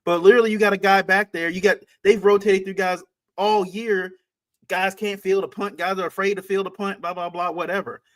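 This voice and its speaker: A man's voice: sits high, flat delivery, a little fast, fairly bright tone. A man co-hosting a sports podcast, talking casually and emphatically, often repeating his points and restarting sentences.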